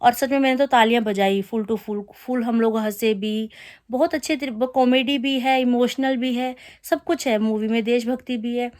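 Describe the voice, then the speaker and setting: Chatty woman vlogger, slightly high voice. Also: fairly even intonation, normal speed, darkish tone. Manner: chatty, storytelling with mock complaints. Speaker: family vlogger. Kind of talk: casual vlog narration.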